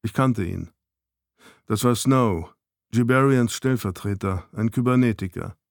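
A man narrating a novel as an audiobook in a measured, even reading. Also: on the low side, creaky, dry recording, clean studio sound.

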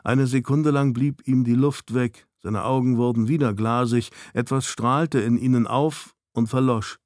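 A man reads a novel aloud at an even, measured pace, his voice sitting at an ordinary middle pitch. The sound is dry and close, with no room around it. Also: dry recording. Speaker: narrator. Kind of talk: audiobook reading of a novel.

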